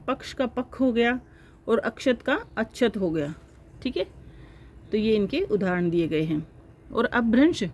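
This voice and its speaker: High-voiced woman teaching Hindi grammar. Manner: explains step by step, often checks with "ठीक है". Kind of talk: exam-prep lecture.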